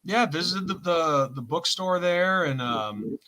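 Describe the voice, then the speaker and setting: A man's voice: fairly high pitch, animated, unhurried, sharp tone, poor audio. A man co-hosting a casual live show, telling a rambling story and correcting himself as he goes. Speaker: co-host.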